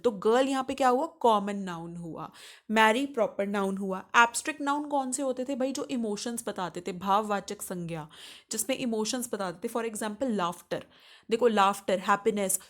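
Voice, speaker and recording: A woman's voice: on the high side, a bit bright. A young Indian woman teaching grammar, explaining step by step and answering her own questions. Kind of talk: grammar lesson mixing Hindi and English.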